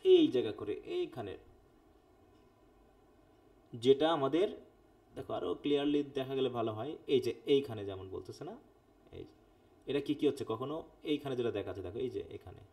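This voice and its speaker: Warm and lively in his intonation, this mid-voiced Bengali-speaking man teaches English phonetics in a live online lecture. He reads English passages slowly, walks through each step, and keeps checking on his students.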